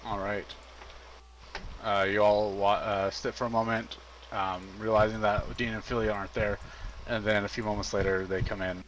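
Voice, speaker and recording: A man's voice: fairly low pitch, little pitch movement, moderate pace, fairly bright tone, a little hiss or hum, low-quality recording. A man narrating as game master for a tabletop game, describing scenes with frequent fillers.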